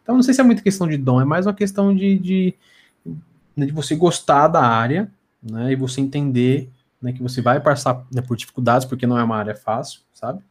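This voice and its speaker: A man's voice: medium pitch, quick pace, slightly rough. Male podcast guest, Brazilian accent, conversational, lisping with slushy s sounds, stutters and repeats himself. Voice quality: tongue-tied lisp with slushy s. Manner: stammering, repeats words and syllables.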